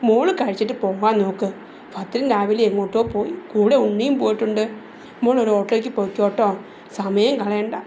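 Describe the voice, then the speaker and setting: A woman reading the part of a kindly old grandmother speaking gently and caringly. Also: mid-range voice, brisk, a little hiss or hum, lightly acted.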